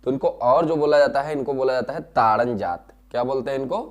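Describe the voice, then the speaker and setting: A man's voice: mid-range voice, fairly quick. Male teacher, classroom lesson: patient, repeats terms, sounds out syllables, answers his own questions.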